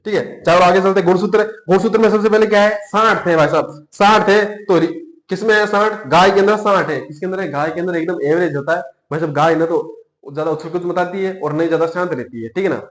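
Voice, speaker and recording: Man, Rajasthani accent, high voice, chatty repetitive lecture, echoey room. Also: quick pace. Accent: Rajasthani Hindi. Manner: chatty, repeats points and asks himself questions. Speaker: exam coaching teacher. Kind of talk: classroom lecture with memory tricks.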